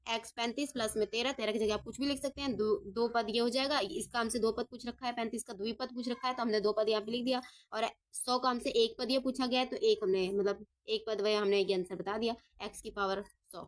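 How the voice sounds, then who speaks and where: ऊँची आवाज़ वाली धैर्यवान महिला शिक्षिका. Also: female voice, a little high, fairly even intonation, a little fast, few pauses. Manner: patient, asks and answers her own questions, says ठीक है often. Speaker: maths teacher. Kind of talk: step-by-step lesson.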